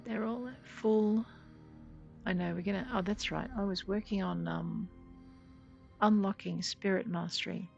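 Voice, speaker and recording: Woman, game streamer, chatty and genteel, some fry in the voice, light music underneath. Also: medium pitch, fairly even intonation, measured pace, long pauses, dull audio. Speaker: gaming video host playing in character. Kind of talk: playful game commentary, talking to self.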